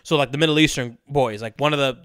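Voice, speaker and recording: A man's voice: medium pitch, fast, a bit bright, clean tone, dry recording. Rambling, profane young man telling stories. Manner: rambling, profane, laughs often, many fillers. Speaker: podcast co-host. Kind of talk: casual storytelling chat.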